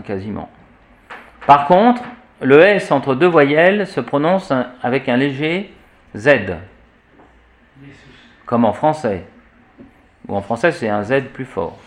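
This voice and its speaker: A man teaching church Latin pronunciation to a class, spelling out letters and repeating example words with frequent hesitations. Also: medium pitch. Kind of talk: classroom lesson.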